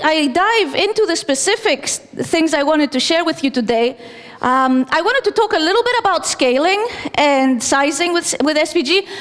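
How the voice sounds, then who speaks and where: Conference speaker, woman from Greece, thirties, casual and self-deprecating, stage mic in a reverberant hall. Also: sits high. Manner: chatty, self-deprecating, with fillers. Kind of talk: technical conference talk. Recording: long reverb of a large hall.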